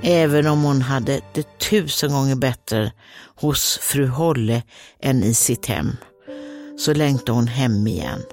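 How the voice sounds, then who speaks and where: A woman's voice: a bass voice, a little mellow, faint music behind. A woman with a Swedish accent reading a fairy tale aloud as a comedian, breaking off for joking asides. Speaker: comedian and host.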